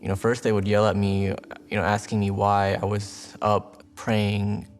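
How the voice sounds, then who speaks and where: A man's voice: on the low side, completely flat delivery, unhurried, a little hiss or hum. A man in his twenties from Texas, a Navy veteran, speaking earnestly in a documentary interview with small restarts. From Texas, United States.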